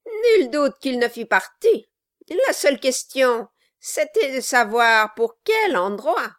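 A woman reading aloud, voicing a sly male dwarf villain who swings between mock courtesy and high-pitched cries. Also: very animated, takes it slowly, heavily acted. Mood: smug. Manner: shifting high and low, falsely courteous. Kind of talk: audiobook reading.

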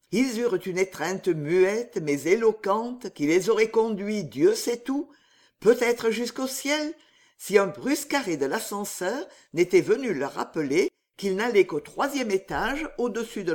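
A woman narrating a literary story, expressive and measured. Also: mid-range voice.

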